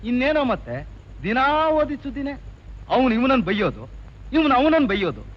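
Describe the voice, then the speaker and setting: A man's voice: extremely high pitch, huge pitch swings, a little hiss or hum, heavily acted. An actor playing a boastful young local tough who lectures his friends and turns menacing, in 1980s film acting. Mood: swaggering. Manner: boastful, lecturing, quick to anger. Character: swaggering young male neighborhood tough, boastful. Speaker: local gang leader. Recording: dull old film soundtrack.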